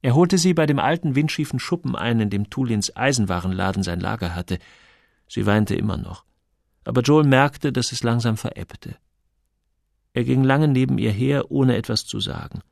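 A man reading a novel aloud as narrator in expressive storytelling. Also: mid-range voice, normal speed, gravelly, no room sound, studio quality. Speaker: audiobook reader. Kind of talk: scripted narration.

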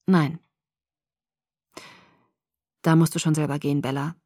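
A woman voicing a tense young man who speaks in gruff, clipped and hissed lines. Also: low-pitched, flat delivery, unhurried, darkish tone, no room sound, studio quality, voice pushed down.

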